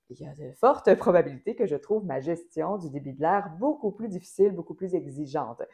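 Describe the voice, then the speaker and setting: A woman with a Québécois French accent giving a careful, precise singing lesson, pausing often with hesitations. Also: on the low side, mellow. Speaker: singing teacher. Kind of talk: explanatory vocal lesson.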